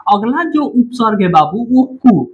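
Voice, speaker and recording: A man's voice: sits high, sing-song, measured pace, narrow, tinny audio. A man teaching Hindi grammar in a classroom lecture, who asks questions and answers them himself and keeps calling the listener 'babu'.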